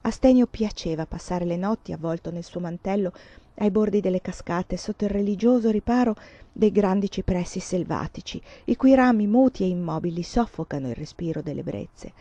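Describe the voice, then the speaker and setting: A woman narrating a nineteenth-century novel as an audiobook, with a measured, expressive reading. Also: fairly low pitch, dry recording. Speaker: audiobook reader.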